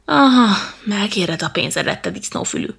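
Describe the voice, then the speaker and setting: A woman voicing a cheeky, hot-tempered little male monkey in a storybook reading, loud, high and excitable. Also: creaky, husky, full character voice. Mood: angry.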